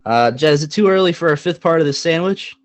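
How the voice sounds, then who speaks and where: A young man co-hosting a casual sports podcast, talking in an animated, joking way and hammering points with repetition. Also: fairly high pitch, fast talker, no room sound. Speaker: podcast co-host.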